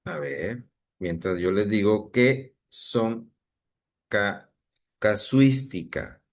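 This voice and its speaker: Low-voiced Mexican teacher checking in often. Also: male voice, lively intonation, very slow. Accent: Mexican Spanish. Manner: patient, checks in often with students. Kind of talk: online class lesson.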